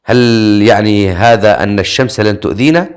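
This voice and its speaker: A worried young woman reasons things out in a steady, firm voice, lifted a little above the narrator's register, as a man puts her on. She sounds like a character in a spoken storybook. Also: lowish voice, a little fast. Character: anxious young woman, regains resolve.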